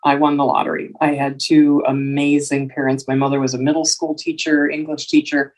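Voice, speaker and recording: A woman's voice: low voice, level tone, fairly quick, darkish tone. Older woman from Wisconsin, earnest podcast guest, voice a little distant from the mic. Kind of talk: casual conversation.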